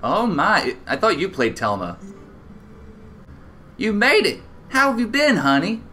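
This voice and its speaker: A man's voice: high-pitched, big pitch swings, measured pace, sharp tone, faint music behind, exaggerated voice. A man voicing a sassy, motherly woman who runs a bar and calls everyone honey in a drawl. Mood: warm teasing.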